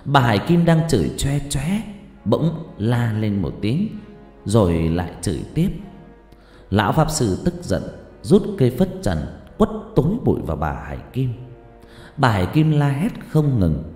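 A man's voice: mid-range voice, big pitch swings, unhurried, mellow. A man narrating a scripted horror story with dramatic delivery. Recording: echoey hall reverb with music.

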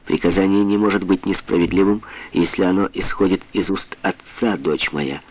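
A man's voice: low voice, normal speed, dull audio. A man reading a hot-tempered old Corsican father. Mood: stern.

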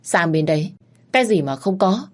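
A woman's voice: on the low side, animated, normal speed. A woman voicing a stern, poor old peasant father who scolds his daughter. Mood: harsh.

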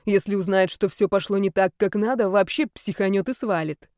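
A woman voicing an arrogant, quick-tempered young man who talks in a curt, sneering way. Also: medium pitch, darkish tone, smooth, no room sound, studio quality, close to an everyday voice. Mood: bossy.

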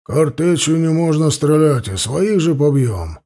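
A man's voice: on the high side, animated, measured pace, warm tone. A man voicing a sturdy middle-aged Cossack gunner with a Ukrainian accent and a plain, dialect-heavy way of talking. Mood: busy, eager.

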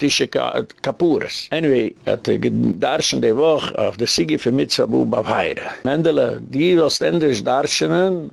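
Rabbi guy rambling thru a lecture, super gravelly voice, casual, tosses in english bits. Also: medium pitch, no echo. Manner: rambling, conversational, mixing in English phrases. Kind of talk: informal lecture.

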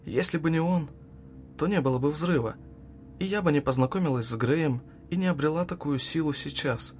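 A man voicing a defiant, unhinged young woman who mocks and shouts with hatred. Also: fairly quick, slight background noise, lightly acted. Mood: fierce. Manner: mocking, shrill, shouting at times.

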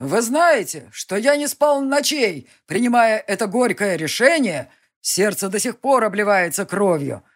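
Woman playing a fiery male leader with a slow, booming oratory. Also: animated. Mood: solemn. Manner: slow, solemn, declamatory oratory.

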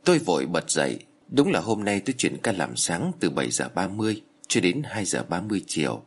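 Husky-voiced man narrating a horror story. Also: low voice, sing-song, fairly quick. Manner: dramatic, tense storytelling.

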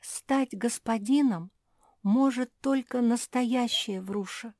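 Woman reading as a shrill tearful liar creature. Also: slow, darkish tone, no room sound, studio quality. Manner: sobbing, shrill, fretful.

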